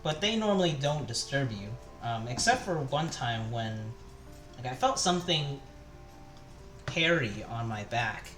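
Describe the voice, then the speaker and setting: A young Taiwanese man live-streams himself cooking in his home kitchen, chatting casually and rambling with plenty of fillers and restarts. His medium-pitched voice is animated, unhurried and fairly bright. The room is echoey, with background music and the sound of chopping.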